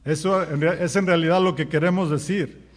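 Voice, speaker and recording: A man's voice: a little high, steady tone, normal speed, big-room sound. A man preaching a sermon as pastor, firing rhetorical questions at the congregation and acting out common sayings. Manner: acts out everyday sayings in quoted voices.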